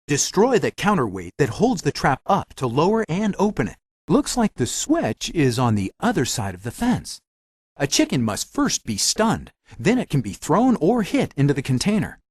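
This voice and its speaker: A man's voice: a little high, huge pitch swings, moderate pace, breathy edge, dry recording, studio quality, full character voice. A man voicing a helpful magic mirror, a theatrical fairy-tale guide giving scripted, instructive video game hints.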